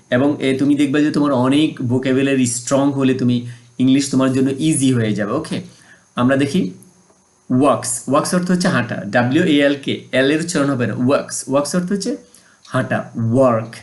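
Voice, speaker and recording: A man teaches children English vocabulary in a video lesson, using a fairly high voice. He takes each word slowly, says it again, and asks the students questions as he goes. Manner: explains word by word, repeats and asks rhetorical questions.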